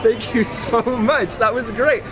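A man's voice: extremely high pitch, measured pace. A young man playing a breezy, cocky storybook thief as a theme park character. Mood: friendly, showy. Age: young adult. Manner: breezy, animated, showy. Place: outdoors at a busy theme park. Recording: loud park music and crowd noise.

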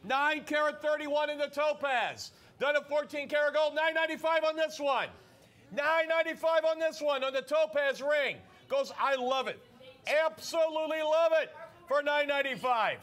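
High-voiced man repeating sales pitches. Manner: fast, repetitive, urging viewers to yell sold. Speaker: shopping show host.

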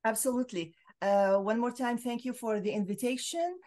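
A middle-aged Syrian woman, a scholar, appears as a guest on a video call from a home room lined with bookshelves. Her voice is slightly high and a touch mellow, at a normal pace, as she earnestly explains her views with many fillers.

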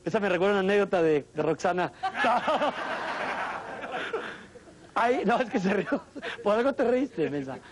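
A man with a Mexican accent doing a slangy, animated stand-up comedy monologue as a TV host, often chuckling as he talks. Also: high-pitched, a little slow, pauses often. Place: TV studio with live audience. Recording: TV studio audience laughter, noisy broadcast.

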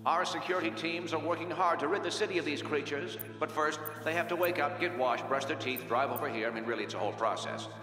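A city announcer over a loudspeaker. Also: male voice, a little high, quick pace, few pauses. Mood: announcing. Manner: formal, drifting into dry offhand asides. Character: male city official making public announcements. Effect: public-address loudspeaker. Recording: echoey distant loudspeaker over music.

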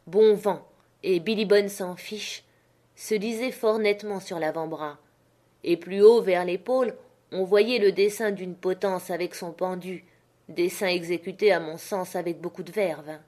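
A woman tells an adventure story in a steady, measured reading voice. Her pacing stays even and unhurried, in the manner of an audiobook narrator. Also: mid-range voice. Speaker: audiobook reader. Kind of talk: scripted narration of a classic novel.

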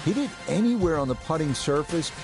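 A man playing a TV golf commentator in a video game, giving measured, polished broadcast commentary. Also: on the high side, lively intonation. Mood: informative. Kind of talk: scripted television-style golf commentary. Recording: music and crowd behind voice. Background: background music and crowd.

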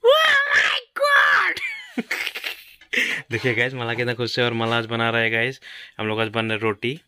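A man's voice: level tone, fast, background noise. A young man casually narrating a family vlog as a father, chatty and addressing his viewers directly. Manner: chatty, addresses viewers as guys, coaxing the child in a high sing-song. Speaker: vlogger, father.

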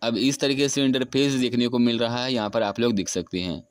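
This young man, about twenty, talks viewers through a phone app in an unscripted step-by-step tutorial, repeating himself as he narrates the screen recording. He keeps a steady tone in a mid-range voice at a fairly quick pace, recorded dry.

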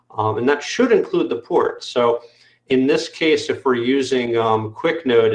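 A man with a gravelly, fry-edged voice talks through code on a video call, explaining each step and leaning on "um" as he goes. His desk mic picks up a roomy echo from the small room around him. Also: mid-range voice. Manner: explanatory, frequent "um" fillers. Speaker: developer demoing software. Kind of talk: technical screen-share walkthrough.

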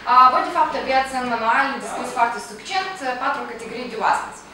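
A woman's voice: high-pitched, lively intonation, a crowd in the background. A woman leading a staff training session, prompting the group with questions and recapping their answers. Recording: echoey room, distant mic, faint noise.

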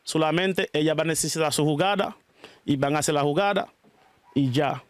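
Dominican man, high-pitched, dry recording, casual interview, says mijo a lot. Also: a little fast, no echo. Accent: Dominican Spanish. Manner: calls people mijo and mija, repeats blessings. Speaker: spiritual worker interviewed.

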